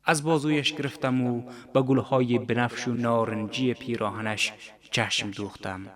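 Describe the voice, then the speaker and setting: A man reading a literary story on radio, calm and measured. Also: mid-range voice. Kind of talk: scripted literary narration.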